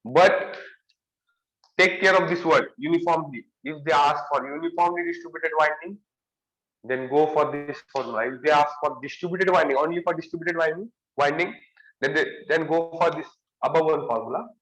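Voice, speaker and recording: A man's voice: a little high, normal speed, a bit bright, echoey room, low-quality recording. A young man with a Marathi accent giving an exam-prep lecture, repeating key phrases and stressing words. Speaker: engineering lecturer.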